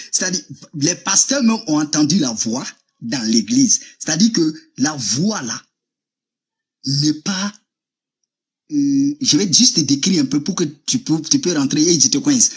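A man speaks over a video call in a heated debate. His voice sits a little high and is deeply husky and rough, and he talks insistently. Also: darkish tone. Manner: insistent, describes with gestures on camera.

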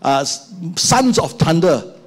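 Taking his time, an older man with a Malaysian English accent and a slightly high voice preaches a sermon on a church stage beside band instruments. Handheld mic in hand, he animatedly acts out brief scenes using put-on voices.

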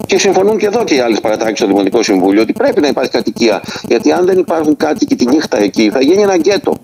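An older man in his sixties talks as a mayor in an office interview, gravelly and middle-pitched, defending his plans insistently and restarting his sentences often. He speaks into desk microphones with a faint hiss of noise behind him. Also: wildly swooping pitch. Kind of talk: radio interview. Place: wood-panelled office at a desk.

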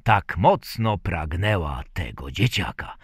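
A man reading a folk tale aloud in a lively storytelling manner. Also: deep voice, slow, husky, dry recording, clean studio sound. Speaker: narrator.

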